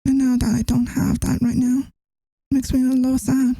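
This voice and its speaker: A woman's voice: high voice, monotone, normal speed, slightly rough, dry recording. A woman playing a tired, affectionate girlfriend who misses her partner, in a tender, intimate ASMR role-play. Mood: wistful. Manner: tender, intimate, soft-spoken.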